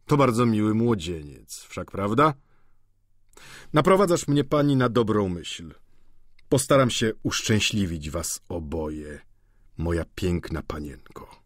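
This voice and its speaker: A man reading the part of a sly, cynical middle-aged schemer who talks with slow mockery. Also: fairly low pitch, very animated, husky, no echo, studio quality, exaggerated voice. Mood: mocking. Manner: mocking, slow and deliberate.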